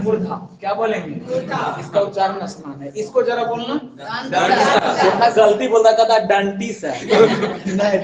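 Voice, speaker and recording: A male grammar teacher, teaching a class and drilling rules by asking his students to repeat. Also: high-pitched. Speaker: Hindi and Sanskrit grammar teacher. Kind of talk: classroom lesson. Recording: echoey classroom from far off.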